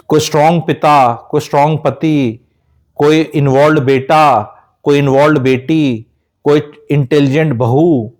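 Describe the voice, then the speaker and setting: A man from India gives life advice in an emphatic, lecturing manner, mixing English phrases into his speech. His voice is fairly high in pitch with a darkish tone.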